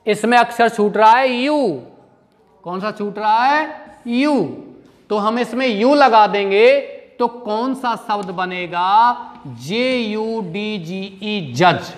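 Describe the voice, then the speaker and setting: A male teacher with an Indian English accent leads a grammar lesson in a high, unhurried voice. He spells words out letter by letter and asks questions that he answers himself. The room adds a long, ringing reverb.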